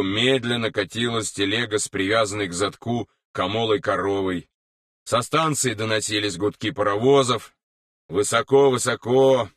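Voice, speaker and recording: A man reading an audiobook in a measured, unhurried way. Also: mid-range voice, fairly bright tone, dry recording, clean studio sound, far from the mic. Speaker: narrator. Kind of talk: audiobook narration.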